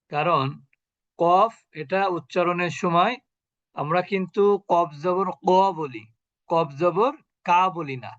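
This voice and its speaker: A man's voice: sits high, fairly bright tone, no room sound. A man teaching a Quran recitation class over a video call, patiently drilling letter sounds and repeating syllables. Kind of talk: online tajweed lesson. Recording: muffled lo-fi video call audio.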